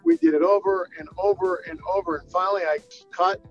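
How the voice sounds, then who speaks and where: A man telling an excitable anecdote as an interview guest, jumping up and down in pitch while he retells it. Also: a little fast, dull audio, soft background music. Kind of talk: animated storytelling.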